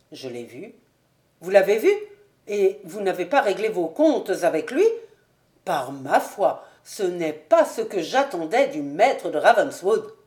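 A woman's voice: medium pitch, a little mellow, lightly acted. A woman voicing a blunt, swaggering male swordsman who speaks boldly and mockingly, in an audiobook reading. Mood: indignant. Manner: bold and mocking.

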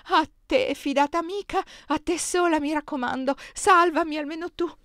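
A woman voicing a terrified old abbess who begs and pleads in a shrill, sobbing way. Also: steady tone, moderate pace, dry recording, studio quality, natural voice. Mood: begging. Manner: shrill, imploring, sobbing pleas.

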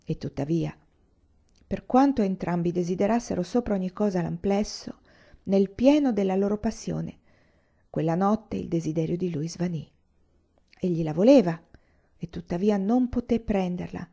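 A woman reading a literary novel aloud in a measured, even storytelling voice. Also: lowish voice, creaky. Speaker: audiobook reader. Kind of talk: literary narration read aloud. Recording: slightly dull lo-fi recording.

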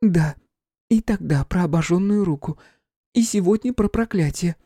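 A shrill, panicky young clairvoyant woman. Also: normal speed, warm tone, no echo, clean studio sound. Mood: frightened. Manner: shrill, breathless, pleading. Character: frightened distraught young female clairvoyant. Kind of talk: audiobook character voicing.

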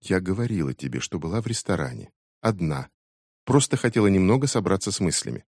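A man voicing a tired, worried middle-aged mother who speaks in a soft, strained way. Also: low-pitched, sing-song, fast talker, no echo, studio quality, exaggerated voice.

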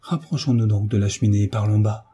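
A man reading the part of an earnest country doctor in a grave, measured way, with a husky voice. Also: on the low side, fairly even intonation, mellow.

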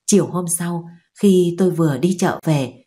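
A woman narrating a novel as an audiobook in a steady, measured storytelling manner. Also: lowish voice. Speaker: audiobook reader.

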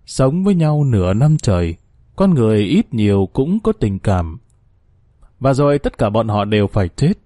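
Man narrating a ghost story, dark dry voice. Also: mid-range voice, dry recording.

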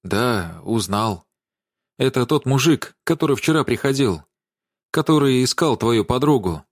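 A cowardly young man whines and stammers through his excuses, as a male narrator acts him out. His storybook voice moves animatedly in pitch. The recording is dry and close. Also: expressive, unhurried, no echo. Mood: pleading. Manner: whining, stammering, pleading. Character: cowardly, lying young man, pleading and bleating.

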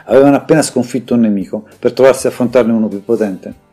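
A man reading a dark fantasy audiobook in a steady, measured narrating voice, with faint music underneath. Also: mid-range voice. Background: faint background music.

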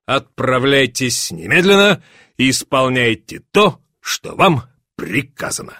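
A man reading an audiobook, voicing a sly police chief who feigns sympathy and teases with drawn-out pauses. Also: medium pitch, sing-song, pushed and bright, no room sound, studio quality. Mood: mock-sympathetic. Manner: measured, drawn-out teasing pauses.

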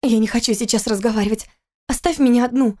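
A woman reading an audiobook voices a young pregnant wife who answers in high, agitated, insistent lines. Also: steady tone, fast, warm tone, natural voice. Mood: guarded.

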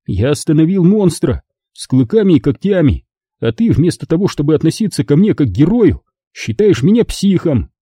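A man's voice: a little high, big pitch swings, normal speed, breathy edge, dry recording, studio quality, pitched above the performer's own voice. A man voicing a defiant teenage boy. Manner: protesting, shouting back. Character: defiant fifteen-year-old boy, troubled and intense. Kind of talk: audiobook reading.

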